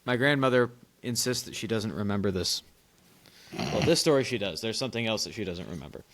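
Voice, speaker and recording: A young man co-hosting a podcast, telling family stories in casual chat, animated and laughing often, with rambling restarts. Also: on the low side, a little fast, background noise. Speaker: podcast co-host.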